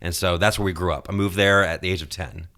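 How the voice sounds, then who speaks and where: A man from Georgia, a guest on a local radio interview, talking in a lively, jokey way. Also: low-pitched, fast talker. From Georgia, USA. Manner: lively and jokey, laughs easily.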